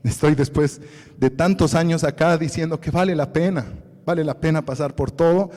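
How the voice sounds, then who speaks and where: A man's voice: on the high side, steady tone, normal speed, darkish tone. A man in his thirties, from Bolivia, preaching a sermon and telling his own story, quoting family members in his own voice. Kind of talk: sermon testimony. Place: church hall. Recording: echoey church hall.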